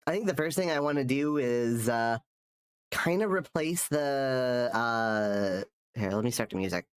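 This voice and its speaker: Sounding nasal from a cold, a man draws on a live stream and chats in a mid-range, unhurried voice. The streamer and artist rambles casually, often starting his sentences over.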